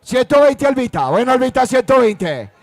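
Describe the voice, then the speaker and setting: Brief: male livestock auctioneer, very high voice, Antioquia Colombian accent, rapid-fire bid calling, close dry sound. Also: sing-song, no echo.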